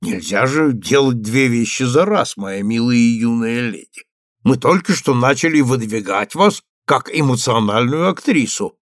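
A man's voice: mid-range voice, lively intonation, unhurried, dry recording, clean studio sound, close to an everyday voice. A man reading an audiobook, voicing a jovial middle-aged theatre producer with a gushing, jolly manner. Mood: patronizing.

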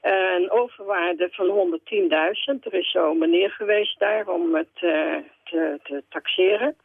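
An older woman calls in to a radio show, and her voice comes through a thin, phone-like line. Her voice is gravelly and dry. She talks hesitantly, with many pauses and fillers. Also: fairly low pitch, no echo. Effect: radio show caller on a phone line. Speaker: caller. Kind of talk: call-in radio question.

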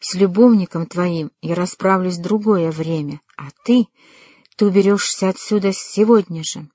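Woman reading a cruel furious dad from a storybook, hissing thru clenched teeth, low dark voice. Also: husky, no room sound, studio quality. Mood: cold menace. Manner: hissing through clenched teeth, slow and deliberate. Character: cruel enraged middle-aged father, cold and menacing. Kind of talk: audiobook character voice.

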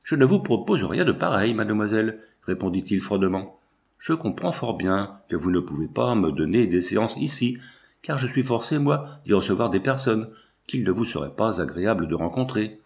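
A man reading the part of an earnest, proud young painter in a storybook, sincere and measured. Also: lowish voice, expressive, vocal fry, darkish tone. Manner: earnest, then cold and stiff.

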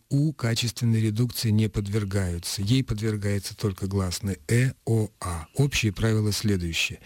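A man's voice: on the low side, darkish tone, no room sound. Precise lecturing male language expert. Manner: precise, lecturing, dry humor. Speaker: linguistics expert guest. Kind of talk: radio talk, explaining pronunciation rules.

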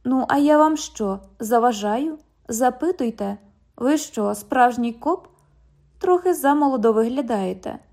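A woman's voice: on the high side, lively intonation, unhurried, a little mellow. A woman reading an audiobook, voicing a sarcastic, mocking twenty-year-old woman who works as a bank cashier. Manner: mocking, cheeky, parrots the other speaker.

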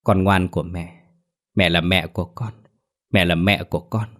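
A man voicing a frantic, possessed woman who runs a household, shrill and hostile at turns, in a narrated ghost story. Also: fairly even intonation, normal speed, fairly bright tone. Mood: eerie crooning.

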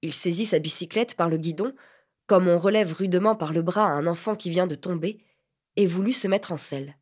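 A woman narrating a classic French novel as an audiobook in a measured, expressive reading. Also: lowish voice.

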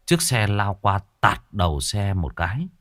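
A male storyteller narrates a ghost story with a lively, rising and falling delivery. He is recorded close on the mic with a dry, bare sound. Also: fairly low pitch, unhurried, no room sound. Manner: animated storytelling, playing several characters.

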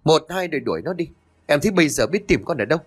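An angry, worried father shouts in a raised, agitated voice, as a man puts him on. His voice sits high and swings widely as he berates. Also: expressive, brisk.

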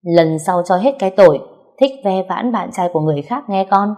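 A woman's voice: medium pitch, expressive, brisk, dark tone, lightly acted. Woman doing brash bossy best friend. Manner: scolding, blunt, teasing.

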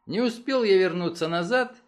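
A man narrating a detective audiobook in a deliberate, expressive reading. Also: high-pitched. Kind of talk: scripted narration.

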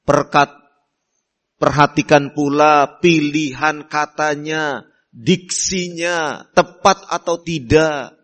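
A middle-aged male preacher delivers a sermon at an unhurried, deliberate pace. His voice sits fairly high for a man, and he leans on "ya" as a filler. He drops into a softer voice to act out polite hosts. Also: fairly even intonation. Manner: slow, deliberate teaching with frequent "ya" fillers; acts out polite hosts in soft voice. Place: Islamic boarding school hall.

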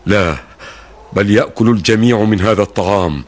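An actor playing a humble, gentle caliph who speaks softly and gravely in a radio drama. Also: male voice, fairly low pitch, natural voice. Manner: soft-spoken, measured, grave. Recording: noisy old radio recording.

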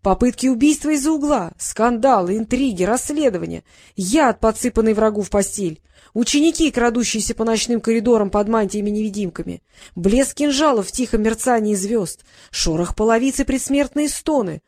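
A woman's voice: a little high, expressive, normal speed, a little mellow, dry recording. Woman doing a gushing assassin-school teacher guy, over the top, dry room. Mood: gleeful. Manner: gushing, theatrical. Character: excitable male teacher of assassins, theatrical.

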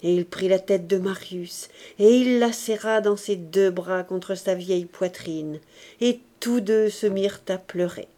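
Woman reading an old novel out loud, slow and measured, mellow voice. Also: mid-range voice. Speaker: audiobook reader. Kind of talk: classic novel narration.

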